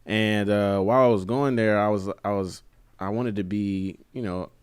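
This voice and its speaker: A man, a guest on a podcast, telling his story in a relaxed, casual way with plenty of fillers. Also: lowish voice, normal speed, clean tone, dry recording. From United States. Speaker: guest, brand co-founder. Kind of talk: casual interview talk.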